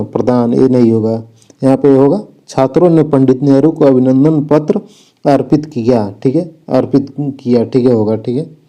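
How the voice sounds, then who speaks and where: A man's voice: medium pitch, warm tone. A man working through spelling and sentence corrections for exam students, saying "theek hai" after each point. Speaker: exam coach. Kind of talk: spelling lesson walkthrough.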